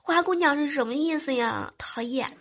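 A young woman hosts a casual podcast, reading listener messages with a playful, teasing, coy delivery. Her voice sits a little high, and her cold and sore throat come through. Faint music plays quietly underneath. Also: brisk. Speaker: podcast host.

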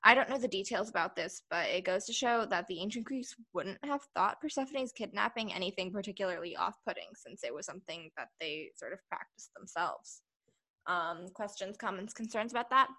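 A woman's voice: medium pitch, lively intonation, a little fast, bright, forceful tone. A woman hosting a history podcast, explaining carefully and hedging her claims. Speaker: podcast host. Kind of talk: podcast discussion.

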